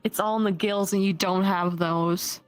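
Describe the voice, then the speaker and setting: A woman's voice: mid-range voice, fairly even intonation, moderate pace, clean tone, faint music behind. A woman bantering in character during a tabletop game, teasing, giggling and swearing freely.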